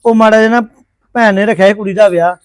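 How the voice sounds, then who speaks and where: A man's voice: high voice, fairly even intonation, quick pace, clear, resonant tone, no echo. A man acting a placating brother-in-law in a family drama. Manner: placating, apologetic.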